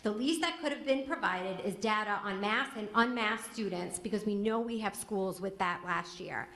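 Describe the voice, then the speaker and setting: A woman's voice: mid-range voice, normal speed, fairly bright tone. An American woman, a former teacher, giving an indignant, emphatic public comment. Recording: echoey meeting room.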